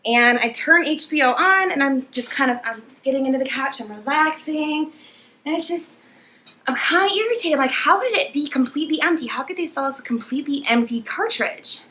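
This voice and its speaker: Young woman vlogger, casual storytelling to camera; bright, slightly high voice, animated, laughs often.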